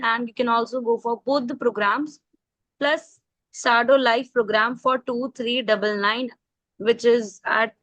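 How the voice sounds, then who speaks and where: High, dry-sounding Indian woman coordinator. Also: a bit bright, dry recording, low-quality recording. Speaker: online workshop coordinator. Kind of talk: announcements of offers and thanks.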